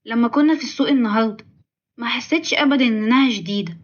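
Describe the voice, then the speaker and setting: A woman's voice: fairly high pitch, rapid-fire, highs cut off, natural voice. A woman voicing a kind, shy young bride who speaks politely and nervously, with an Egyptian accent. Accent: Egyptian Arabic.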